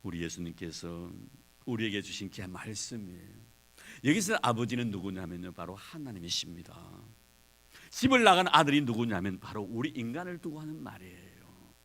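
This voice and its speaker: A man's voice: fairly low pitch, big pitch swings, moderate pace, creaky, sharp tone. A male pastor preaching a Sunday sermon, with dramatic delivery that acts out the voices of the characters in his story. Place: church.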